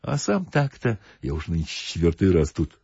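A man voicing a dirty, weary peasant in a torn sheepskin coat, talking in a slow, low grumble. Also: wildly swooping pitch, gravelly, a little mellow, husky, no echo, exaggerated voice. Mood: grumbling. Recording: dull dry lo-fi recording.

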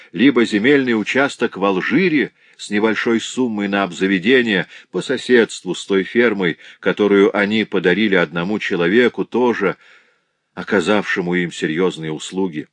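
A man's voice: on the low side, dry recording, lightly acted. A man reading an audiobook aloud and voicing an honest grown son who answers with firm indignation.

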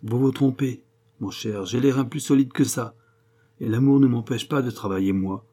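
A man's voice: mid-range voice, moderate pace, warm tone, lightly acted. A man reading aloud, voicing a proud young poet who answers curtly and defensively.

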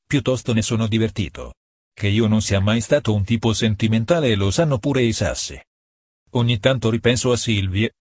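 A man reading a novel aloud, calm and measured, partly in the first person. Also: fairly low pitch, husky, dry recording, clean studio sound. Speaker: audiobook reader.

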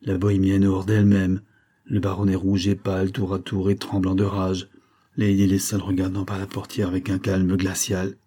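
A male narrator reading a classic novel at a steady, measured pace. His voice is low and dark, with a husky, slightly breathy grain. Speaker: audiobook narrator.

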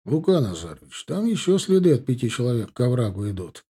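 A man's voice: medium pitch, sing-song, quick pace, warm tone, breathy edge. A man voicing a seasoned Russian soldier who talks in an offhand mutter. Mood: wry.

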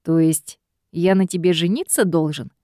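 A woman's voice: fairly low pitch, moderate pace, dry recording, clean studio sound, natural voice. Woman playing a smug domineering demon boss. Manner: calm, lazy, mocking.

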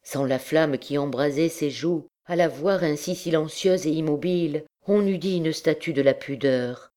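A woman reading a classic novel aloud as an audiobook narrator, in a measured, expressive way. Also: deep voice. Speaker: audiobook reader. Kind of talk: scripted narration.

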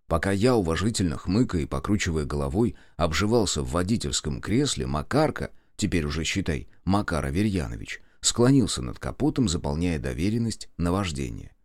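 A man's voice: deep voice, big pitch swings, a little fast, hardly any pauses, darkish tone, no room sound. A man narrating a first-person story with wry, dry humor, recorded close in a studio. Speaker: audiobook narrator.

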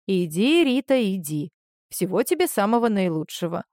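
A woman's voice: mid-range voice, very animated, normal speed, darkish tone, no echo, clean studio sound, lightly acted. A woman voicing a cold, dismissive married man. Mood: curt dismissive. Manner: curt, dismissive.

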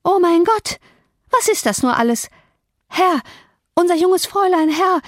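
A flustered, thoughtless young housemaid, as a woman reader puts her on, babbling in a high, excited voice. She rushes her words with little care. The sound is dry and close. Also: no echo, natural voice. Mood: panicked.

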